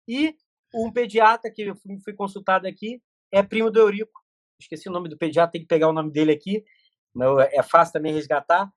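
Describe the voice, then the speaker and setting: A man's voice: high voice, no echo, clean studio sound. A middle-aged man, a podcast guest telling stories in casual chat with many restarts. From Brazil. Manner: rapid storytelling with many restarts.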